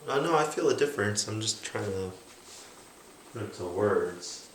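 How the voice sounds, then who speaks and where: Quiet, deep-voiced male patient in a roomy room. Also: expressive, moderate pace, recorded from a distance, a little hiss or hum. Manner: quiet, hesitant, searching for words. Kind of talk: answering questions during a treatment. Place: treatment room.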